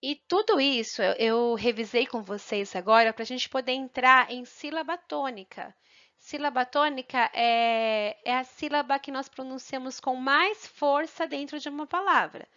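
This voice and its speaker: Patient teacher, muffled audio. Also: female voice, high-pitched, fairly bright tone. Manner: patient, checks in with "tá?" and "tá bom?"; sounds out syllables slowly and clearly. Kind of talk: recorded online grammar lesson.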